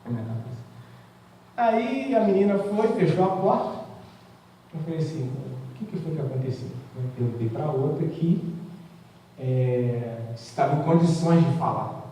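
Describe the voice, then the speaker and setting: Man, seminar speaker, fairly high mellow voice, storyteller who acts out quotes, picked up from far off in a hall with long reverb. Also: expressive, unhurried, pauses often. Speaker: lecturer at a spiritist seminar. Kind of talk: spiritual seminar talk with storytelling. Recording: echoey hall, voice from far off, faint noise.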